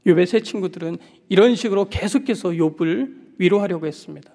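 A man preaching a sermon as pastor, earnest and measured with soft pauses. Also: sits high. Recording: long reverb of a large hall.

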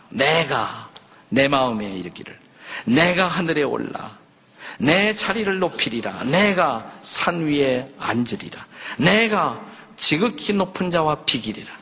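An older man, a pastor, preaching a sermon in a lively conversational way, acting out quotes and jokes. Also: fairly high pitch, slightly rough. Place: church sanctuary. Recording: long church reverb.

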